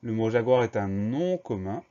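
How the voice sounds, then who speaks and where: A male teacher giving a spelling lesson for primary pupils, spelling words out slowly letter by letter. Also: fairly low pitch, lively intonation, warm tone. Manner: slow, careful letter-by-letter spelling. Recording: slightly dull lo-fi recording.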